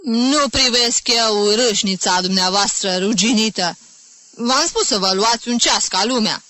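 A tipsy, pompous old gentleman drawls his words through his nose, gallant one moment and touchy the next, as a woman acts him out in an audiobook. The voice is pitched high and bright. The recording is close and dry. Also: no room sound. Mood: tipsy, indignant. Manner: nasal drawl, gallant yet offended. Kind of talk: audiobook reading.

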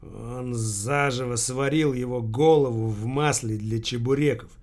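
A man voicing a calm criminal who speaks with flat, slow menace in an audiobook. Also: mid-range voice.

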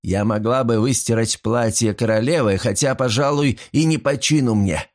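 A man voicing a fussing, warm-hearted servant woman who dotes on her young mistress. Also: mid-range voice, normal speed, pitched above the performer's own voice, lightly acted. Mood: determined. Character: warm-hearted middle-aged female servant.

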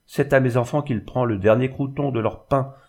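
A man voicing a terse, hot-tempered middle-aged male charcoal burner who speaks curtly and gruffly, in a storybook reading. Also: mid-range voice, steady tone, normal speed, darkish tone, pitched above the performer's own voice, lightly acted. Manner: curt, gruff.

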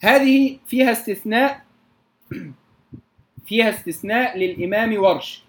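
A man teaching tajweed, explaining the rules and slowly reciting examples to show them, then checking that his students follow. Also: sits high, fairly bright tone. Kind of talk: tajweed lesson.

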